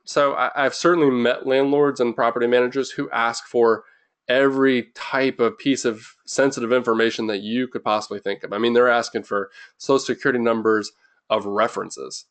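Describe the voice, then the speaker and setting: A young man hosting an online webinar, talking loosely and rambling, with lots of fillers and self-corrections. His voice sits at an ordinary middle pitch. He sounds a little jittery, as if he has had too much coffee. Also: fairly even intonation, fairly quick, a bit bright, clear, resonant tone. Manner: rambling and chatty, with many fillers and restarts. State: jittery from caffeine. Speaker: webinar host. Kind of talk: informal webinar presentation.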